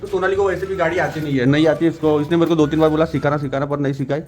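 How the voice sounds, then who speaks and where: A man talks quickly and rambles through a casual home explanation, in a slightly high voice. Faint music plays under him. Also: fairly even intonation, darkish tone. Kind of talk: casual chat on camera.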